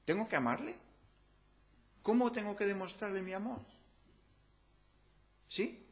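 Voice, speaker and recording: A man's voice: high voice, expressive, unhurried. A man with a Spanish accent from Spain preaching a sermon in a church, talking to the congregation with rhetorical questions and a conversational tone.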